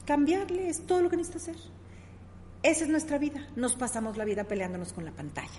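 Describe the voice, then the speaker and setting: A middle-aged woman talks her listener through a lesson in a warm, conversational teaching style, stopping often to check that she is understood. Her voice sits a little high. The recording has a long reverb tail and a faint hum of room ambience behind it. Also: quick pace. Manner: explains with examples, asks "¿sí?" often.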